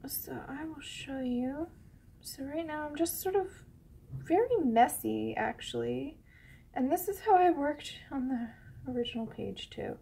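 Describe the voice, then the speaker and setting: Talking through a coloring tutorial as she draws at her desk, a woman with a head cold sounds sniffly, her voice high with vocal fry. Her speech meanders and restarts, packed with ums, occasionally sinking to a soft whisper. She's animated yet a little slow, over slight background noise, in a casual real-time drawing session.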